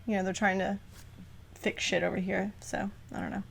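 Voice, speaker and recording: A woman's voice: medium pitch, level tone, normal speed, creaky, husky. Young woman podcast cohost, kinda rambly, says like a lot, casual chat. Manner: rambling, heavy use of "like" fillers. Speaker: podcast co-host.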